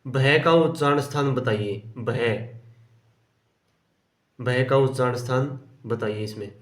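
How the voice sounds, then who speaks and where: A man's voice: mid-range voice, slow, roomy sound. A man teaching Hindi grammar, going through quiz questions and patiently repeating each answer. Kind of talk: explaining quiz questions on pronunciation.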